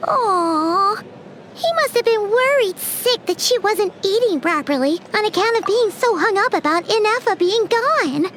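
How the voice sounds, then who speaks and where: A tiny floating fairy girl, chatty and curious, speaks in a very high, bouncy voice that swoops up and down, eagerly chattering and calling herself by name. It's game voice acting laid over music, a little slow, giving the feel of a playful animated sidekick.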